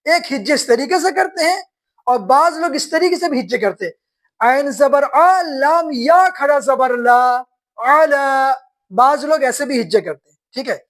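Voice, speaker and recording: A woman teaching beginners to read, spelling words slowly syllable by syllable and quizzing her students. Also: high-pitched, animated. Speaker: Quran reading teacher.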